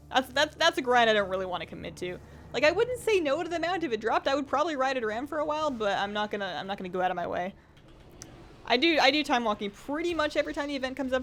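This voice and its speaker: Her voice fairly bright and on the high side, a woman game streamer chats and wanders from topic to topic while playing, reading viewer comments aloud. She sounds a little strained from talking, with slight background noise around her.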